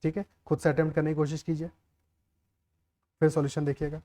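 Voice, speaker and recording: A man's voice: a little high, flat delivery, quick pace, dark tone. A man teaching a maths lesson step by step, often checking with the class whether they follow. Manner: explains aloud, often checks the class with "clear?" and "okay".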